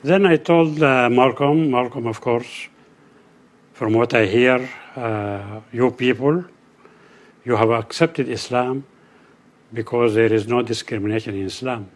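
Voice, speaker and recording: An older man, thoughtfully recounting his past in an interview, speaking in an unhurried, measured way with frequent pauses. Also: medium pitch. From Sudan. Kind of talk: reflective storytelling. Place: indoors by a window.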